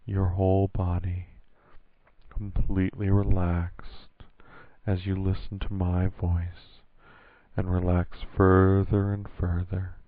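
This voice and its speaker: Slow, low-voiced man giving hypnotic monotone induction. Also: no room sound. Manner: soothing, repetitive, hypnotic delivery with drawn-out pauses. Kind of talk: hypnosis induction, scripted guided relaxation. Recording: narrow phone-like band, roomless dry sound.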